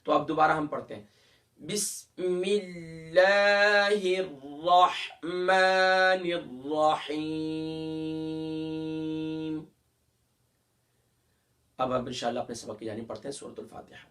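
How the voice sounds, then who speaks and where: A man teaching a Ramadan tajweed lesson. He explains letter sounds, then recites verses slowly with long drawn-out vowels. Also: medium pitch, fairly bright tone.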